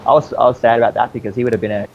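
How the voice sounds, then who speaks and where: A man's voice: medium pitch, little pitch movement, very fast, dull audio, slight background noise. A man chatting casually as a guest, telling stories in an easygoing, rambling, slangy way. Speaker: interview guest, obstacle racer. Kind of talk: casual storytelling chat.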